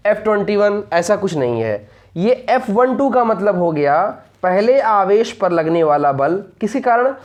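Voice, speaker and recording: A man's voice: high-pitched, darkish tone. A man teaching a lesson, who poses rhetorical questions and answers them, repeats key points and keeps checking that students follow. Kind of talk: explaining a physics lesson.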